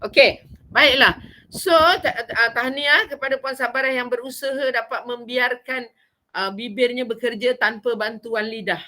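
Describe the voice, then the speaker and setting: A woman vocal teacher speaks over a video call with a bright, ringing tone. She teaches earnestly and acts out short sample conversations in a softer voice. With a nervous student she turns patient and reassuring. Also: a little high, steady tone, normal speed. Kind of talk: online vocal class teaching.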